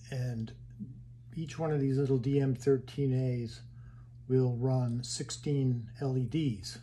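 A man casually walking through his hobby wiring build in a home workshop, halting and thinking aloud as he handles parts. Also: mid-range voice, mellow, a little hiss or hum.

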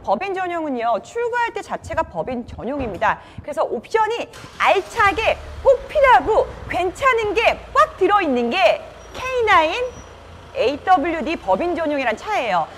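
A woman with a very high, lively voice gives a slick live car sales pitch. She stresses and repeats her selling points emphatically. There is clear noise behind her. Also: normal speed. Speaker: used car dealer, live sales presenter.

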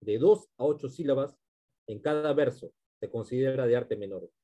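A man's voice: mid-range voice, moderate pace, mellow. A male teacher giving a literature class, explaining step by step and often checking in with his students.

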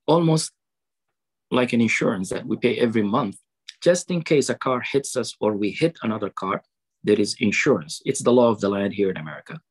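A man giving a fundraising sermon over a video call. He quotes Arabic sayings, then translates and explains them slowly. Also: lowish voice, animated, husky, poor audio. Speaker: preacher at a fundraiser.

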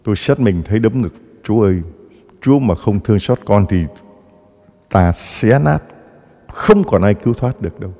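Animated priest preaching in a reverberant church. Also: male voice, fairly low pitch, normal speed, pauses often. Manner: animated storytelling, acting out gossiping voices. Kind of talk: sermon.

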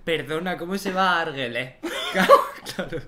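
This young man from Almería, speaking Andalusian Spanish, co-hosts a podcast and narrates anecdotes with lively energy, frequent laughter and acted-out quotes. His voice is a little high at a normal speed, and there's heavy background noise. He records at a desk in a small studio with a stand-mounted desk mic.

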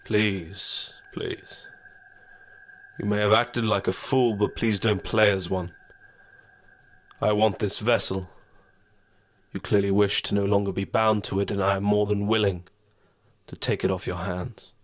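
A man's voice: on the low side, level tone, a little slow, long pauses, natural voice. A man voicing a mocking, formless shadow entity. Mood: taunting. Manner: taunting, smooth and condescending. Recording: long reverb.

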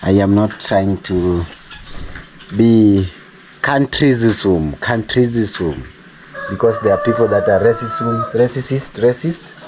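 A man's voice: on the low side, slow, background noise. A man with a Kenyan accent chatting casually in a vlog, repeating himself and thanking supporters. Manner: chatty, repeats words, thanks donors warmly. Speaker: vlogger.

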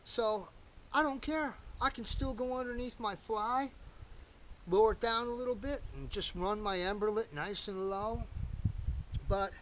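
A man's voice: sits high, unhurried, a bit bright, slight background noise, low-quality recording. An older man casually talking to camera while building a campfire at a lakeside campsite, chatty and folksy, calling viewers folks. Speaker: camping vlogger. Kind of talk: casual outdoor talk to camera. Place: outdoors at a lakeside campsite fire pit. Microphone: camera-mounted mic from a few meters away.

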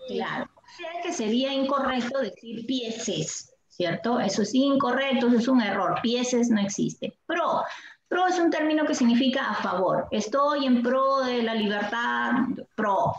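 A woman teacher with a Peruvian Spanish accent, giving a language lesson and asking the class questions, stretching out example words slowly. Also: a little high, animated. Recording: echoey room, dull sound, faint noise.

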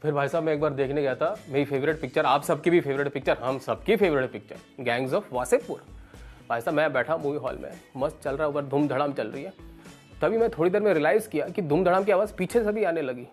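Animated man telling comic stories. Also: fairly high pitch, fast, faint music behind. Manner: animated, acts out characters with raised voice. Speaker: stand-up comedian. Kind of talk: stand-up storytelling.

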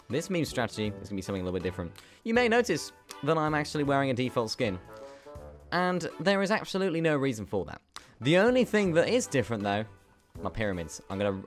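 A young man giving excitable, giggly commentary over his own gameplay, talking to himself as he plays. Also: mid-range voice. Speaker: gaming YouTuber.

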